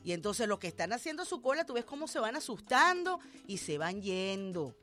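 A woman's voice: medium pitch, very animated, normal speed, fairly bright tone, faint music behind. A Venezuelan woman hosting a radio show, giving emphatic, indignant commentary with sarcastic asides. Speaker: radio host.

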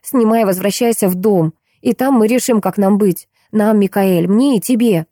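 Passionate young woman in love, high, pleading and fierce, voiced by a woman reading an audiobook, mellow tone, dry close sound. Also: fast, no echo, natural voice. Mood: angry. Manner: raised, trembling pleas and angry outbursts.

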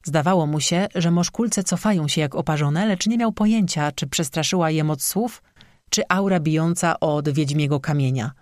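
Measured audiobook narrator, even mid voice, dry studio read. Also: mid-range voice, no room sound. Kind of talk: scripted narration.

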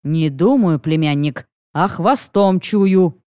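A woman's voice: on the low side, lively intonation, takes it slowly, warm tone, no room sound, studio quality. A woman reading a sly, teasing dragon uncle. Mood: wry. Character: wry, teasing older male dragon uncle. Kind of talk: audiobook reading.

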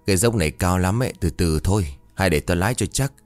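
A man voicing a panicky young male rascal who curses and shouts. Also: deep voice, fast, dry recording, soft background music, close to an everyday voice. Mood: alarmed. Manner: cursing, shouting in alarm.

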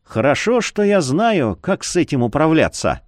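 A man's voice: big pitch swings, dry recording, studio quality. Man doing a mocking ghost friend, drawn out. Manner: taunting, drawn-out, higher than the narration.

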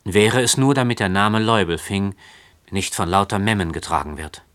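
A man's voice: lowish voice, normal speed, a bit bright, natural voice. A man reading aloud voices a bold, proud young woman who speaks firmly and mockingly. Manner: firm, mocking.

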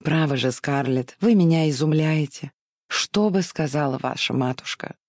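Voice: mid-range voice, normal speed, darkish tone, no echo, studio quality, natural voice. A reader voicing a fussy, easily tearful elderly aunt who scolds in a fluttery way. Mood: fretful scolding. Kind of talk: audiobook reading.

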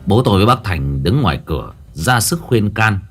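A man with a low-pitched voice narrates a ghost story in the first person. His intonation rises and falls dramatically as he tells it, and faint music sits underneath. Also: moderate pace. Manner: lively, dramatic telling.

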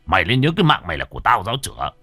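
A man's voice: low voice, big pitch swings, rapid-fire, sharp tone, no echo, soft background music, exaggerated voice. A man voicing a harsh, domineering old village patriarch who issues threats in a ghost story. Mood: menacing. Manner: gruff, threatening commands.

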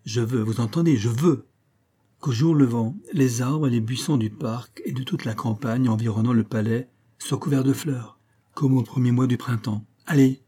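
Brief: stern imperious prince, hard commanding delivery, dark husky voice, read by a man. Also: medium pitch, a little fast, hardly any pauses, lightly acted. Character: doting aging prince, turning harsh and imperious.

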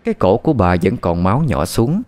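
A man, narrating a dark story in a steady, dramatic way. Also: on the low side, brisk.

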